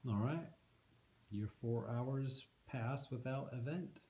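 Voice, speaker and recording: A man's voice: medium pitch, slow, dark tone. A man casually narrating a tabletop fantasy game as game master. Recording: echoey room, faint background noise.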